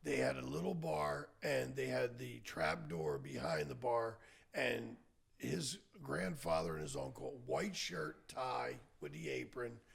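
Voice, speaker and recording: A man hosting a podcast who tells stories in a casual chat and acts out quotes loudly. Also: mid-range voice, very animated, a little slow. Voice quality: gravelly, husky voice. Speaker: podcast host and bar owner.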